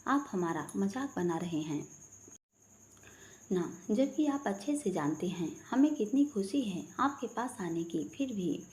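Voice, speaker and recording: A woman voicing a shy, soft-spoken young bride-to-be in a family story. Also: medium pitch, very animated, a little slow.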